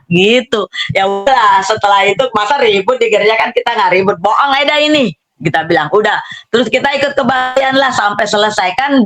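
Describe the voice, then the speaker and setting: A woman's voice: on the high side, a bit bright. A middle-aged woman, animatedly telling her own story in a casual spoken testimony and acting out the dialogue. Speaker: testimony speaker.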